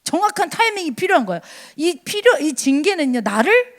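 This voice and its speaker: A high-voiced woman preaches a sermon at a church service. Her voice swings widely as she fires off rhetorical questions and acts out short quotes. She keeps the delivery animated throughout. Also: a little fast.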